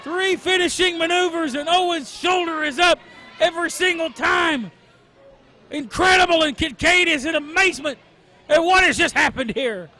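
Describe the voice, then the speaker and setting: High-pitched, excitable male wrestling commentator. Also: normal speed. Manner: exclamatory, dramatic calls with rhetorical questions. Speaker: wrestling commentator, calling the play-by-play. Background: crowd at a wrestling event.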